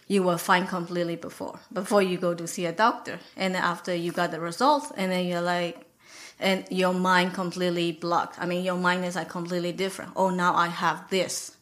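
A woman's voice: lowish voice, flat delivery, brisk, a bit bright. A woman practicing Oriental medicine, explaining in a casual interview, rambling with many fillers.

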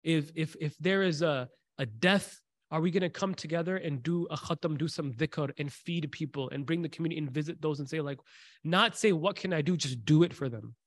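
Speaking briskly in a slightly high voice with no echo, a man conducts a religious class. His teaching mixes storytelling with emphatic repetition of key phrases, questions for the listeners and short recited Arabic passages.

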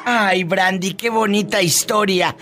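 A man hosting a campy, high-pitched call-in radio show. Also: fairly even intonation, unhurried, music in the background. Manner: playful, campy, jokes and catchphrases. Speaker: radio host.

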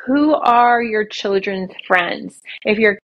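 A woman speaks as a podcast guest, earnest and emphatic, with a mid-range voice. She talks in quick bursts and then slows to stress her points. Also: medium pitch, dull audio. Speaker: guest, children's author and speaker. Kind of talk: podcast interview.

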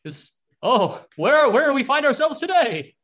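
Un compagno allegro e stridulo, con la voce fatta da un uomo, timbro brillante, in un gioco di ruolo. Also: male voice, very animated, moderate pace, fairly bright tone, heavily acted. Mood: cheery. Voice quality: squeaky high put-on voice. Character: chirpy upbeat male companion Steve.

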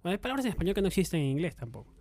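A man's voice: high voice, very animated, very fast, darkish tone, no echo. Curious Peruvian man quizzing his guest. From Peru. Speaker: host asking questions. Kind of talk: casual chat.

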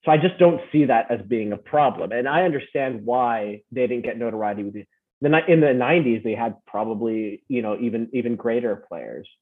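A man's voice: mid-range voice, brisk. A man who grew up in the Philippines and the United States, chatting as a podcast guest and often tagging his points with "right?". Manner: rambling, tag questions like "right?". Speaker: podcast guest, fan club founder. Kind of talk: casual interview chat. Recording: tinny phone-like remote line.

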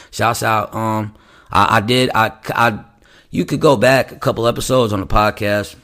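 Male podcast host, casual, rambling, slangy, restarts a lot, lowish voice. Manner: rambling, slangy, full of restarts and shout-outs.

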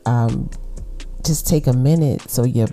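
A middle-aged woman with a Brooklyn accent hosting a casual solo podcast, talking to women listeners in a laid-back, unhurried, conversational way. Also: rumbling low, warm tone, faint music behind. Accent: Brooklyn, New York. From Brooklyn, New York. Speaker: podcast host.

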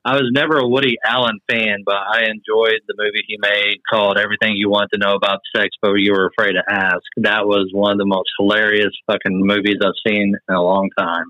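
A man's voice: fairly low pitch, little pitch movement, brisk, few pauses, dry recording, muffled recording. A man in his forties, a podcast guest chatting bluntly and enthusiastically about movies, swearing freely. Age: 40s. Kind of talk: casual chat about movies.

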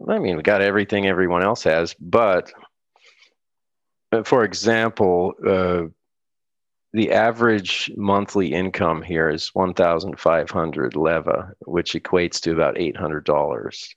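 This American guest musician, middle-aged, talks in a loose, rambling way during an interview, with frequent restarts and laughter. He has a low-pitched voice and speaks a little slowly. The audio is dull and free of room sound.

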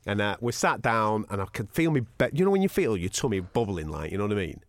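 Fast, animated Northern English bloke. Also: male voice, lowish voice, dry recording. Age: 30s. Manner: blokey, sweary, matey. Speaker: podcast host. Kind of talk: casual chat, anecdote telling.

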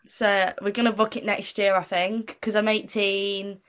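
A woman's voice: medium pitch, flat delivery, unhurried, fairly bright tone. A sixteen-year-old girl from Britain, a young singer answering interview questions in a casual, giggly, rambling way with lots of fillers. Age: teens.

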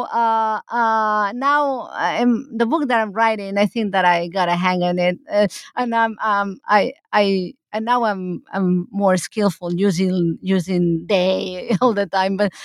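Woman professor talking haltingly, dry sound. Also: medium pitch, no echo. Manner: halting, many restarts and fillers, laughs often. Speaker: history professor, guest author. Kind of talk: conversational interview answers.

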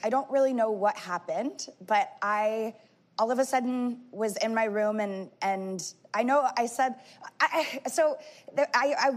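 A woman telling a personal story casually, halting and restarting, with lots of "like". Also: fairly high pitch.

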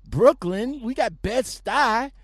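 A man hosting a casual podcast interview, hyping up his guest with excited, repetitive phrasing. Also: extremely high pitch, takes it slowly, no echo, studio quality. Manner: animated, repetitive hype-man delivery. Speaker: podcast host.

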